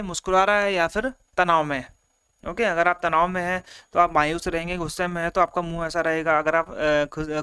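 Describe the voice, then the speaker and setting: Speaking in Hindi sprinkled with English terms, a man leads an online exam-prep class with a high, smooth voice that sounds pushed and bright. He walks through each point in simple repeated steps and acts out the examples.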